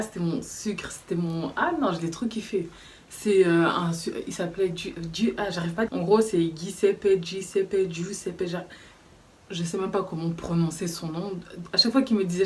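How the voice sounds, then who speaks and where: A young woman tells a storytime in a relaxed, chatty way, acting out the other people in the story as she goes. Her voice sits fairly low. The mic is a little distant, with a faint hiss of background noise. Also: normal speed. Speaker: YouTuber telling a story. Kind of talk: casual storytime vlog.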